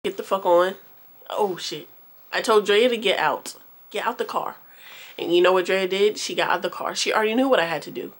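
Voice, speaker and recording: Casting: young woman, storytime vlogger, brash and cursing, chatty and animated, mid pitch. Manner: profane, animated, talks straight to viewers. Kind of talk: casual storytime.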